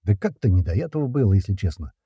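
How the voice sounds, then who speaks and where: A man's voice: on the low side, sing-song, fast talker, dark tone, husky, dry recording, studio quality, full character voice. A man voicing a lazy, easygoing male soldier with a sly drawl.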